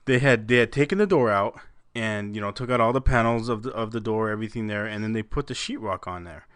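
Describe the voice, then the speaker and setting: A man's voice: lowish voice, fast talker, fairly bright tone, smooth, no room sound. A man hosting a casual podcast, telling rambling anecdotes, often breaking into laughter and swearing freely. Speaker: podcast host.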